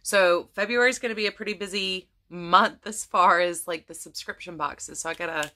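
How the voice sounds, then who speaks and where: As her voice begins to give out, this American crafting vlogger chats casually to her viewers, rambling and restarting often. She speaks at a moderate pace, her voice on the low side, pushed and bright.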